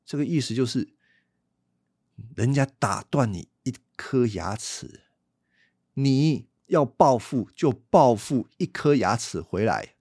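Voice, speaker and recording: A man's voice: medium pitch, lively intonation, slow, darkish tone, no echo, studio quality. A man teaching the Bible on a podcast, explaining things conversationally and asking rhetorical questions.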